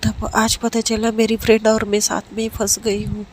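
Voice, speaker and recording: A woman voicing a distressed elderly aunty who speaks softly, pleading through tears. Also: a little high, completely flat delivery, moderate pace, slight background noise, close to an everyday voice. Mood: tearful, pleading. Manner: soft, pleading and tearful. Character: distressed elderly aunty, cheated of her savings.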